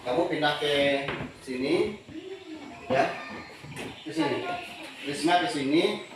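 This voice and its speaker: Teacher calling out in echoey classroom. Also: male voice, fairly high pitch, animated, takes it slowly. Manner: calls out commands loudly, leading a concentration game. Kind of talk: classroom instruction. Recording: echoey classroom recorded from far off, noisy.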